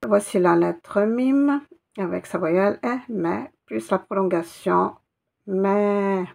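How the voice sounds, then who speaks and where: Slow gravelly-voiced woman teaching letters. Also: medium pitch, darkish tone. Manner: patient, spells out letters and repeats sounds. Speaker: Arabic teacher. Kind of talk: step-by-step reading lesson.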